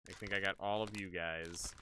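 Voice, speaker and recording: A man livestreaming a video game, chatting casually and excitably with viewers in an animated, exclaiming way. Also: sits low, moderate pace, a little hiss or hum. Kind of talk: casual livestream gaming chat and commentary.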